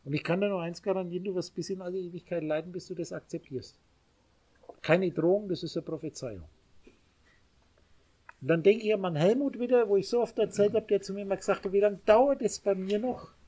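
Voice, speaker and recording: A man teaches a small group in a spiritual lecture. His voice is mellow and somewhat husky. He talks emphatically, repeats his points and speaks straight to his listeners. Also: high voice, a little fast. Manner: emphatic, repetitive, addresses listeners directly.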